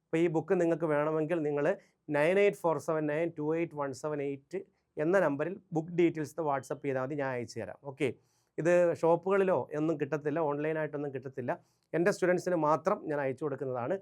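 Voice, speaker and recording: Brisk, higher-voiced man drilling grammar. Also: a little mellow. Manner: drills with rhetorical questions and answers himself; emphatic, repeats key phrases. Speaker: exam coaching teacher. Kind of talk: quick exam revision lesson.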